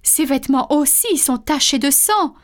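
A woman's voice: sits high, lively intonation, normal speed, voice pushed up. A woman voicing a male police officer in a storybook reading, exclaiming with certainty. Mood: triumphant.

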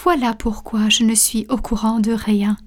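A woman's voice: on the high side, flat delivery, moderate pace, natural voice. Woman reading as an earnest young man confessing. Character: young man, guilty twin brother, pleading. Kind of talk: storybook reading.

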